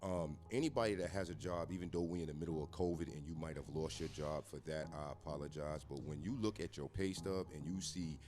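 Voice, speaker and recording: Deep-voiced man ranting on radio. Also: fairly quick, hardly any pauses. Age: around 40. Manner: profane, animated ranting. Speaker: radio show host. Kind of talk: casual radio talk.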